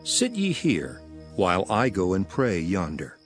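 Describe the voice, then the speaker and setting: An actor playing a grave, sorrowful yet authoritative Jesus in deliberate archaic speech for a dramatized scripture recording. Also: male voice, deep voice, huge pitch swings, full character voice. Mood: solemn. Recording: music behind the voice.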